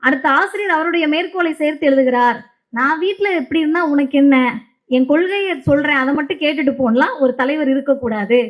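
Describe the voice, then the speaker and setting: Very high-voiced woman giving a speech. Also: a little fast, rough recording. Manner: impassioned, emphatic oratory with repetitions. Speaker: public speaker. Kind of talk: stage speech.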